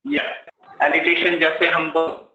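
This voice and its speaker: A man's voice: a little high, animated, slow, vocal fry, slight background noise. A man with an Indian English accent teaching a live exam-prep class, explaining step by step and asking and answering his own questions. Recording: roomy, slightly dull live-class audio.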